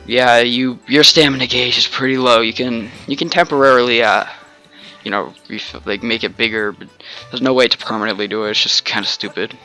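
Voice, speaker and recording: A man with a bright, forceful voice rambles through casual gameplay commentary with offhand jokes. He was raised in the American South, and faint game music plays underneath him. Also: medium pitch, low-quality recording. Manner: rambling, joking asides. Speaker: let's player.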